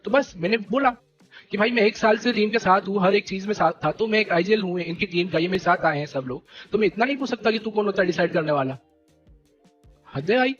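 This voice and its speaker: A man's voice: high-pitched, fast talker, lo-fi sound, faint music behind. Indignant young man ranting on stream. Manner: animated and indignant, keeps repeating "theek hai" and "bhai". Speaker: esports team leader streaming to viewers. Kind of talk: heated live-stream rant.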